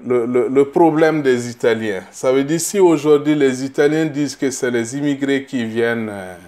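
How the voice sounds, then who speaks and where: A middle-aged man from Burkina Faso, a political candidate answering interview questions, halting and repeating words as he searches, then growing emphatic. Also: mid-range voice, darkish tone.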